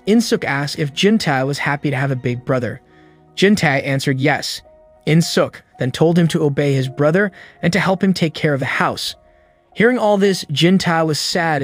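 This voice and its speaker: A man narrating a movie recap in a steady, scripted storytelling voice. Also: on the high side. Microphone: voice-over. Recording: narration over soft background music.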